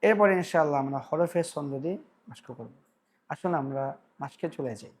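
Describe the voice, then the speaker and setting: A man teaching Quran pronunciation, explaining slowly and drawing out practice syllables. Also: on the high side, husky. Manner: slow, deliberate explanation with drawn-out practice syllables. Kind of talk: tajweed pronunciation lesson.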